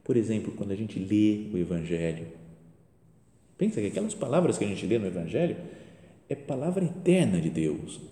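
A man's voice: lowish voice, normal speed. A male priest with a Brazilian accent giving a conversational homily, asking his listeners questions as he preaches. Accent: Brazilian Portuguese. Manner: lively, chatty preaching with frequent rhetorical questions. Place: church chapel near the tabernacle. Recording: reverberant church hall.

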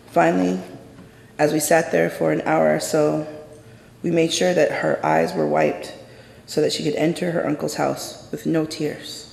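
A woman telling a personal story live on stage in a measured, solemn way. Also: low voice, gravelly, darkish tone, a little hiss or hum. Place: stage in a theater. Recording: echoey hall from a stage.

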